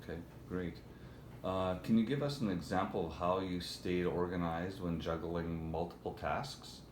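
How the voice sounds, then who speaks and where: A man's voice: low voice, fairly even intonation, normal speed, a little mellow. A man acting as interviewer, putting formal prepared questions to a candidate. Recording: echoey room, faint background noise.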